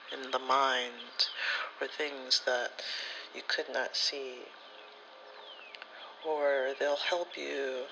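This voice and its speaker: Background noise accompanies a man with a gravelly, medium-pitched voice as he tells rambling, candid personal stories in slangy, sweary terms. He's a spirituality content creator, and the talk is casual storytelling for an ASMR vlog.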